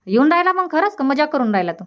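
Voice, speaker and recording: A woman voices an older village mother in a cartoon comedy, nagging gently but fondly in a colloquial, insistent way with a rural Vidarbha Marathi accent. Fast and sing-song in a high voice, she sounds fond and agreeable, and the audio is lo-fi.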